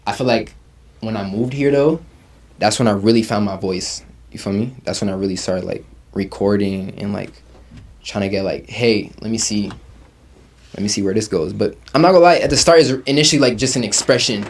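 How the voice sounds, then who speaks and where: A young rapper from Uganda, in his twenties, speaks briskly in a lowish voice, with a little hiss or hum in the recording. Casual as an interview guest, he's relaxed, full of slang, and often says "you feel me."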